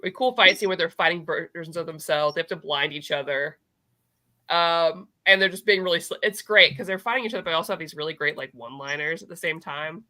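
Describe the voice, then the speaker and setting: A woman with a bright, forward voice co-hosts a casual comic book chat. She is gushing and enthusiastic, and slips into quoting characters as she retells the story. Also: low-pitched, fast. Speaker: co-host of a comic book review show.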